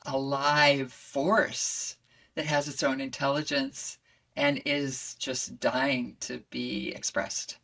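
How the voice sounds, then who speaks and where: A woman voice coach speaking as a guest in an interview, talking reflectively and expressively, swooping high when she acts out voices. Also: little pitch movement, slow, a bit bright, far from the mic.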